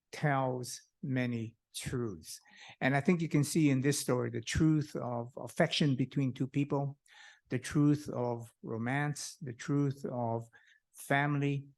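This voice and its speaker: A man responding to a lecture, talking spontaneously and enthusiastically, often pausing with fillers while he searches for words. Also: medium pitch.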